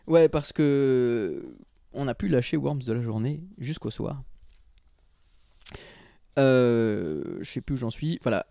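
A man in his thirties telling a personal anecdote on a podcast in an animated, theatrical way. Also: medium pitch, vocal fry, no room sound, clean studio sound. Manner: animated, theatrical storytelling with restarts. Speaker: podcast columnist.

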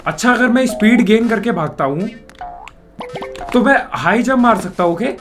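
A man's voice: high voice, normal speed, faint music behind. A man with a sore throat, giving casual, jokey let's-play commentary over a game and teasing the character he controls. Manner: excitable, jokey, mock-insults the character. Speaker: gaming YouTuber.

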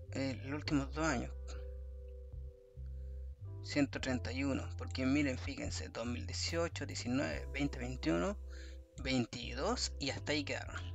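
A man thinking aloud in a casual screen review, often exclaiming in mock dismay. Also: fairly high pitch. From Chile. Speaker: history vlogger.

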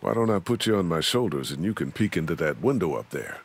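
A video game hero with a low, gravelly voice that rises and falls expressively as he speaks. He talks slowly and firmly, protective of the child he looks after. Soft game music plays beneath him. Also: lively intonation, heavily acted. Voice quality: protective, gently firm. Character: steady grown man guarding a young girl. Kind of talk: dramatic game voice acting. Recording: faint game music behind.

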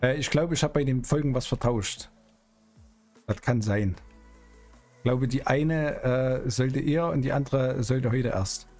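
A middle-aged man streams a GTA roleplay series from a small indoor room, chatting in character and offering casual, playful gameplay commentary. His mid-range voice is darkish and unhurried, with soft background music.

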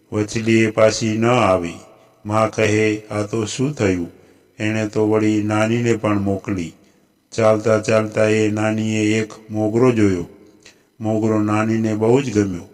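Flat-voiced man narrating a folk tale. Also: fairly low pitch. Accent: Gujarati. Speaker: storyteller.

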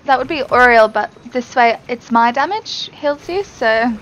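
A woman's voice: fairly high pitch, lively intonation, measured pace, a bit bright, a little hiss or hum, rough recording. A woman chatting casually with teammates during a game, encouraging them as she plays. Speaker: gamer in a group stream. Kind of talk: casual gaming chat.

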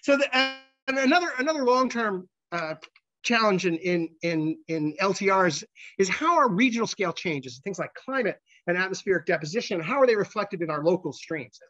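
Halting high-pitched man presenting research. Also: fairly bright tone, highs cut off. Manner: halting delivery with repeated words and false starts. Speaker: research scientist presenting a lightning talk. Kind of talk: conversational scientific slide presentation.

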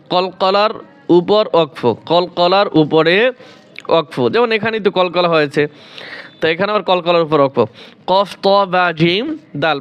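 A man teaching Quran recitation rules in a slow, repetitive lesson. He asks questions, answers them himself, and stretches out recited examples. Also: high-pitched, clear, resonant tone, dull audio.

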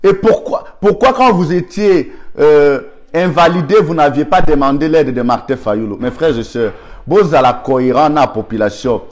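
A man's voice: a little high, lively intonation, normal speed. A man with a Congolese accent gives an argumentative political commentary, firing rhetorical questions and thanking viewers by name.

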